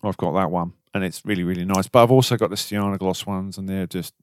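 A man's voice: low voice, fairly even intonation, fast, clear, resonant tone, no echo, clean studio sound. A middle-aged man co-hosting a podcast, chatting casually with teasing banter and little anecdotes. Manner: bantering, anecdotal, informal British slang. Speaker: podcast co-host. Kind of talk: casual chat about car detailing.

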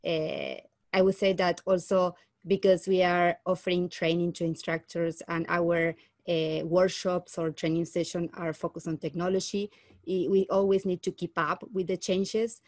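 A woman from Argentina speaks as a guest in a podcast interview. Her voice sits on the low side. She answers thoughtfully and often pauses on "uh" between phrases. The sound is dry and close. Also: flat delivery, a little mellow, dry recording. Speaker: learning technology specialist, guest.

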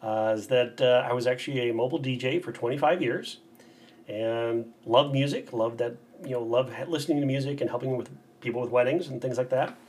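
A man's voice: mid-range voice, a little fast, a little mellow, breathy edge. Easygoing middle-aged man guest. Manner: easygoing, laughs along, playful. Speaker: podcast guest, bike tour operator. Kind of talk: casual podcast chat.

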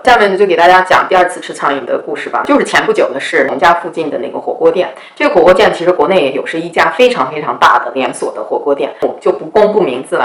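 A woman's voice: on the low side, a bit bright, roomy sound, poor audio. A woman telling stories to her viewers in a casual, chatty way, often asking "you know?". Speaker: vlogger. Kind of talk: casual storytelling.

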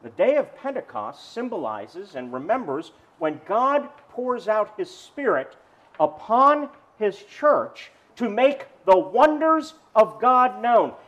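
A man preaching a sermon with a high voice that swings widely up and down. He tells stories and asks the congregation questions. He is preaching outdoors. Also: big pitch swings, slow, a bit bright, highs cut off. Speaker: pastor.

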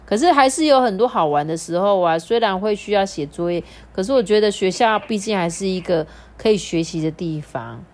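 A woman's voice: medium pitch, a little fast, hardly any pauses. Playful woman telling children's stories. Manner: playful and animated, drawing out sentence-final particles. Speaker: storyteller host. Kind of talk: children's story podcast.

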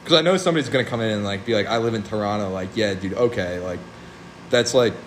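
A young man co-hosts a casual podcast, and his pitch swings widely as he gets excited. The room is echoey, with a faint hiss under his voice. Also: fast talker. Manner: excitable, lively, swears casually. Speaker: podcast co-host. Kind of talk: casual chat.

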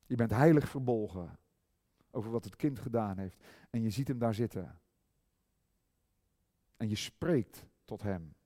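A middle-aged male preacher giving a sermon, swinging from loud emphasis to hushed tenderness and drawing out key words slowly. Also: lowish voice, expressive, no room sound, clean studio sound. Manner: slow, drawn-out stress on key words.

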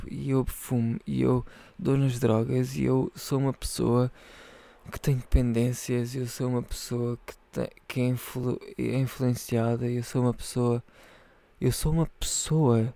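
A drunk man with a European Portuguese accent rambles on as a podcast host, circling back over his own words and swearing freely. His voice is gravelly and dark, with a mellow, low warmth. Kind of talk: rambling casual monologue to patrons.

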